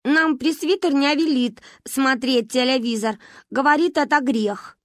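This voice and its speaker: A woman voicing a stern, prim little village girl who speaks in a slow, offended drawl. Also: sits high, no echo, studio quality, voice pushed up. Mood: indignant.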